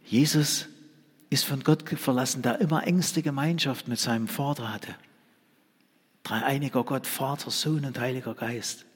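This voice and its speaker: A husky-voiced man delivers an earnest sermon in a church hall, his voice trailing into a long reverb. He presses hard on key words, then drops to a near whisper. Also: mid-range voice, measured pace. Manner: swings from loud emphasis to hushed whispers. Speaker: preacher.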